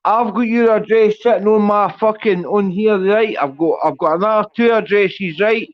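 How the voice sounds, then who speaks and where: Glasgow street accent guy, high voice, arguing and swearing on a livestream, muffled lo-fi audio. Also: moderate pace, dry recording. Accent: Glasgow Scottish. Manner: sweary, confrontational street talk. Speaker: livestream panel guest. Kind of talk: heated livestream argument. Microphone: online panel call. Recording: dull lo-fi voice-call audio.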